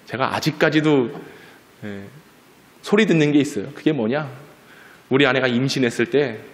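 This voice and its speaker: A man in his forties preaching a sermon, telling stories and acting out quarrels in quoted voices. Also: on the high side. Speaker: pastor. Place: church sanctuary. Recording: echoey church hall.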